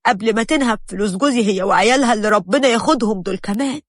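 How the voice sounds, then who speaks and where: A woman's voice: medium pitch, very fast, no room sound, clean studio sound, lightly acted. A woman voicing a jealous, scheming wife with an Egyptian accent, reading a story aloud with a resentful, spiteful manner.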